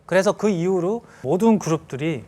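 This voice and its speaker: A man in his thirties giving a storytelling lecture to an audience, lively and acting out scenes with sound effects. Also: high voice, normal speed, noisy background. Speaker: celebrity lecturer.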